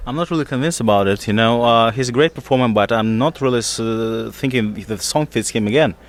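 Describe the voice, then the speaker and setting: A man's voice: medium pitch, brisk. A man on a panel giving opinions with joking, teasing banter. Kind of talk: casual panel discussion.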